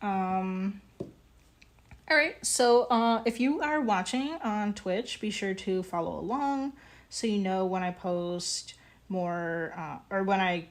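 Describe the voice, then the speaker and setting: A woman streaming her pottery work, chatting casually in a halting way, full of fillers and small laughs. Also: medium pitch. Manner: halting, many ums and likes, laughs easily. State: hiccuping. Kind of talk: casual live-stream chat while working.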